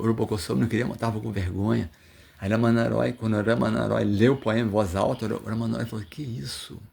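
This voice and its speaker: A male religious teacher with a Brazilian Portuguese accent comments on scripture in a loose, storytelling way. His voice is gravelly and sits at an ordinary middle pitch. He stumbles and restarts often as he acts out the figures in his stories. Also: darkish tone. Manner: storytelling with acted quotes, many fillers and restarts.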